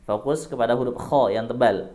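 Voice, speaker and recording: A man's voice: mid-range voice, brisk, dark tone. A man teaching Quran recitation, patiently explaining how to pronounce each sound step by step. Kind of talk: tajwid lesson.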